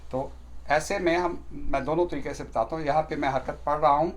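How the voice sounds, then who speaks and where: A man's voice: on the high side, fairly even intonation. Patient man teaching Quran recitation. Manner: patient step-by-step explaining, recites verses slowly with long stretched tones. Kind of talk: explaining Quran recitation rules to beginners.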